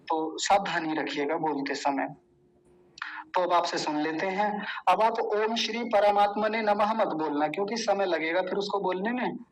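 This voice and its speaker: A middle-aged man teaching verse pronunciation in a class, explaining patiently and chanting verses slowly and deliberately. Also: sits high, poor audio. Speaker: Sanskrit recitation teacher.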